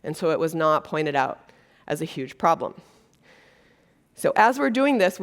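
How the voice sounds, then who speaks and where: Woman from brazil, conference keynote, earnest conversational tone, lots of fillers, medium pitch. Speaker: keynote speaker. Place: conference stage before an audience.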